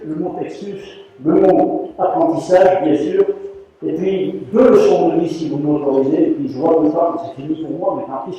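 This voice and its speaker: An older man who weaves rugs gives a talk full of stories to an audience, his voice on the high side as he animatedly acts out the voices of the characters. The sound, picked up from far away in a large hall, is dull and reverberant.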